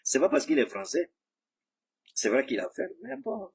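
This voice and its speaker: A man's voice: high-pitched, sing-song, moderate pace, vocal fry, breathy edge. A man giving a heated, mocking political commentary, speaking straight at his rivals. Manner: mocking, combative, addresses rivals directly.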